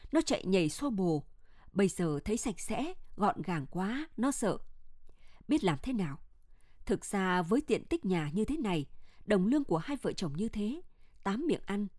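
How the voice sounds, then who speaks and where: A woman's voice: medium pitch, a little mellow, no echo. Woman reading a story, dry close sound.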